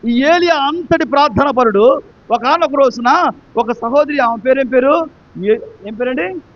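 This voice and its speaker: A man from Andhra Pradesh with a Telugu accent, preaching a sermon and acting out the characters, dropping quiet and then swelling loud. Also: extremely high pitch, measured pace, lo-fi sound. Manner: dramatic storytelling preacher, acts out the characters, swings between quiet and loud. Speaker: pastor.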